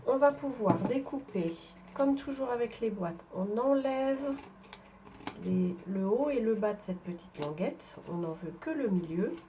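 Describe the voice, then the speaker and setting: Working at her table, a papercraft demonstrator from northern France explains a craft tutorial in a warm, animated voice that is slightly high and evenly paced. A head cold leaves her sounding congested, and her easygoing chatter is full of fillers and small pauses. There is a faint noise in the background.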